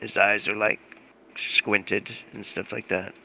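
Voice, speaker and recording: A man's voice: on the low side, level tone, slow pace, creaky, sharp tone, slight background noise. A man narrating as game master of a tabletop role-playing game, telling it in a loose, rambling way with many fillers.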